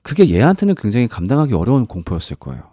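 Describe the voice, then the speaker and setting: A man's voice: medium pitch, huge pitch swings, very fast, dark tone, no room sound, studio quality. A man preaching a sermon in a conversational storytelling way, acting out the voices in the stories he tells. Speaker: pastor.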